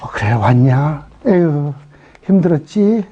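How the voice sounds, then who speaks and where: A man voicing God as a gentle, comforting father who speaks softly and low. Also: animated, moderate pace, husky, dull audio. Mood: soothing. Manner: soft, low and soothing.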